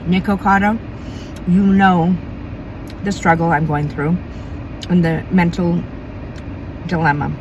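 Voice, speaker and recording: A middle-aged woman from Maine, USA, chats casually in a mukbang-style eating vlog filmed at home at night, eating between sentences. Her voice is fairly low, and there is background noise in the recording.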